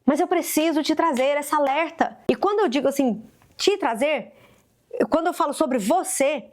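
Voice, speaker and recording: High-pitched woman mentor, emphatic and preachy, talking to camera. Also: a little fast, a little mellow. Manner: emphatic, preacherly, acts out dialogue. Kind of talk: direct-to-camera exhortation. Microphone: facing a camera.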